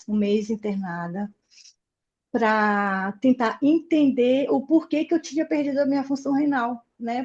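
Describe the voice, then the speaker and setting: A woman with a high, bright-pitched voice and a Brazilian Portuguese accent, recounting her life as an interview guest. She speaks earnestly and emotionally, stopping and restarting her sentences as she goes. The recording sounds somewhat dull and muffled. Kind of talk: personal life story told in an interview.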